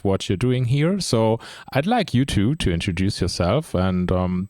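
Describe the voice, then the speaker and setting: A man hosting a casual tabletop gaming discussion, friendly and quick to laugh at himself. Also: lowish voice, darkish tone, clean tone, no room sound, clean studio sound. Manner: friendly, laughs easily, self-deprecating. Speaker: podcast host.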